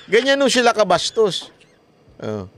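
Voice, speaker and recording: A man talks through a casual live-stream commentary in a fairly high voice with a lively, swinging pitch. He mocks, laughs and keeps asking his viewers rhetorical questions. The recording is noisy, with clear background noise. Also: measured pace. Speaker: political commentary vlogger.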